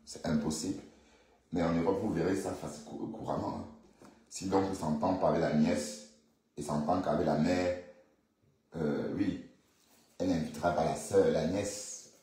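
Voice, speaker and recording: A man's voice: sits low, fairly even intonation, moderate pace, pauses often, mellow. A man giving casual, opinionated commentary to viewers, repeating himself and restarting his sentences. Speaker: online commentator. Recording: very echoey room.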